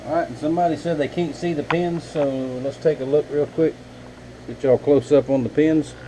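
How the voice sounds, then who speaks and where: This casual vlog features a knifemaker in his home workshop, rambling in a relaxed, folksy manner and calling viewers y'all. His voice sits fairly high, with a steady tone and normal speed, and there's background noise.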